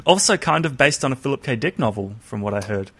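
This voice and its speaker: A man's voice: medium pitch, animated, fast talker, a bit bright, breathy edge. A man chatting casually as a podcast co-host, rambling through asides and self-corrections. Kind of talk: casual chat about films.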